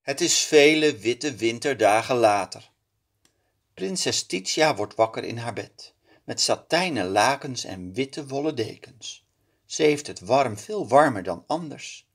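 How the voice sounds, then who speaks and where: A man narrating a children's picture book aloud. He reads slowly and expressively, with lively pitch shifts and a mid-range voice. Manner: slow, expressive storytelling. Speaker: storyteller.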